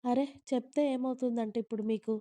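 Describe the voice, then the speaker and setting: A woman's voice: a little high, little pitch movement, brisk, warm tone, no echo, close to an everyday voice. Sleepy playful young wife, read by a woman.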